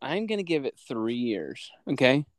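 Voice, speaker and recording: A young man chats on a casual podcast, rambling and excitable with a string of fillers. His pitch rises and falls in a lively, animated way. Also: normal speed, dry recording, low-quality recording. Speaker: podcast co-host.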